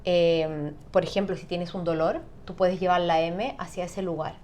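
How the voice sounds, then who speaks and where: Woman guest, low-ish voice, patient and explanatory; faint noise on the line. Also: normal speed. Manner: calm, explanatory, frequent tag questions. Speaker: sound therapist guest. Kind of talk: conversational interview.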